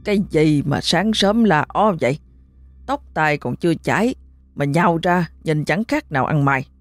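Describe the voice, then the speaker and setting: A woman voicing a gruff, scheming older husband who grumbles and talks fast. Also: low-pitched, lively intonation, dry recording, soft background music. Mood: irritated. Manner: irritable, grumbling.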